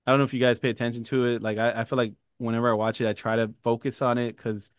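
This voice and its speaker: A man's voice: medium pitch, little pitch movement, fast, clear, resonant tone, no room sound, studio quality. A man co-hosting a movie podcast, rambling through casual chat with lots of fillers and casual swearing. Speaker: podcast co-host.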